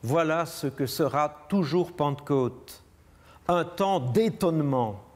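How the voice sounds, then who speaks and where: A man preaching a measured, reflective sermon in a church. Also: a little high. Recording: long church reverb.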